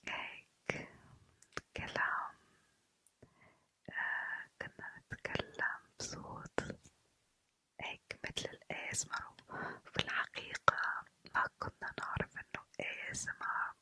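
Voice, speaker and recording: A woman chatting in a quiet, hushed late-night ASMR whisper, halting pauses. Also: low-quality recording. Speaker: ASMR video creator. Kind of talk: ASMR casual chat, whispered.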